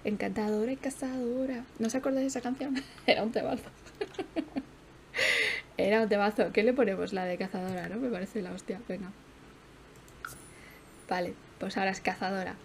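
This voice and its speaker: A young woman chats through a life-sim stream with a mid-pitched voice. She sounds a little worn out, laughs easily and swears in casual asides. A faint background noise runs beneath her. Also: steady tone, normal speed, creaky, long pauses. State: tired. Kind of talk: casual gameplay commentary.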